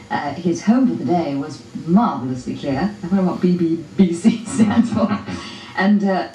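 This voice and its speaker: Lady giving her scores, mellow and appreciative, roomy recording w faint noise. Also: low-pitched. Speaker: contest judge. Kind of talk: explaining scores.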